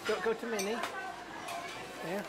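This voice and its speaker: A woman filming her small child and gently coaxing him to smile for photos in a busy restaurant. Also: mid-range voice, very noisy. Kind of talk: casual family video narration. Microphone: handheld camera. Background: crowded restaurant chatter.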